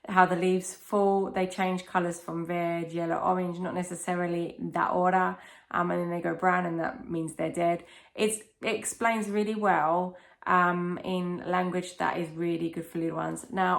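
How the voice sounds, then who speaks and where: A young woman with a lowish voice and vocal fry enthusiastically recommends children's books in a casual chat, explaining things in simple, rambling phrases.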